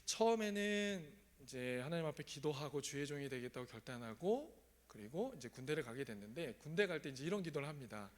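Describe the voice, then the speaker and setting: A man's voice: on the high side, big pitch swings, brisk, hardly any pauses. A man preaching a sermon in a church, telling his own story and often asking the congregation questions. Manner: asks the congregation questions, conversational. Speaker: pastor. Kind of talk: sermon with personal testimony. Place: church sanctuary.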